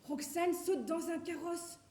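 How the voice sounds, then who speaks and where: A woman playing Edmond, a flustered married male playwright, on stage with halting, declamatory delivery. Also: very high voice, steady tone, mellow. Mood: absorbed storytelling. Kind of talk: theatrical stage acting. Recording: very echoey stage recording.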